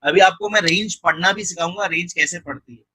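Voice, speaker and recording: A man narrating a screen-recorded software tutorial step by step. He keeps checking in with the viewer and mixes English technical terms into his speech. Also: high voice, fairly quick, husky, no echo, low-quality recording. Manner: step-by-step, repeating "theek hai" and "ye dekhen" to guide the viewer.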